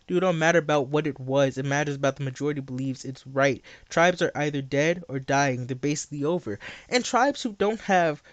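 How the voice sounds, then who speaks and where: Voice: mid-range voice, fairly quick, few pauses, no echo, highs cut off. A teenage live streamer chatting and debating bluntly and casually while chewing gum. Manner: blunt, argumentative.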